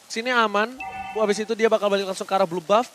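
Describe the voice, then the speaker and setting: A man's voice: high voice, steady tone, fast talker, fairly bright tone. A man with an Indonesian accent giving live play-by-play commentary on a mobile esports match. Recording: music under the voice.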